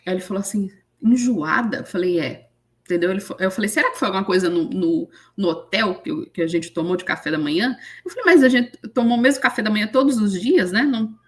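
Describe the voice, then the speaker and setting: A woman, an interview guest telling an emotional story with lively quoted voices. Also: medium pitch, fast talker. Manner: animated retelling with acted quotes.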